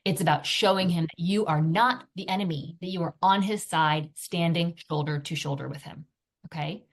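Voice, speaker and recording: A woman's voice: deep voice, gravelly. A woman parenting coach teaching a video lesson in a conversational way, often checking in with her listeners. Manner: acts out quoted phrases parents say to their sons.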